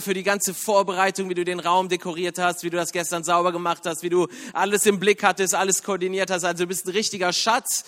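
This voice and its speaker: Chatty man preaching in a big hall. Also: high voice. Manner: chatty, joking, lively, laughs often. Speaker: youth pastor. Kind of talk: casual church sermon. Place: church hall.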